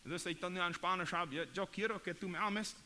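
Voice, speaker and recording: Low German-accented man preaching, bright voice. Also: fairly even intonation, slight background noise. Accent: Mennonite Low German. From Paraguay. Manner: mixes Low German, Dutch and German in halting, repetitive phrasing. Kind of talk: sermon.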